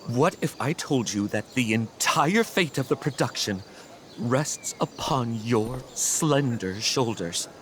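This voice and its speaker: A theatrical middle-aged drama director from a video game, pompous and flowery. His voice swings widely in pitch at a slow pace, with faint insects and birds behind. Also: expressive, a little hiss or hum. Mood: grandly persuading. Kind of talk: video game character acting.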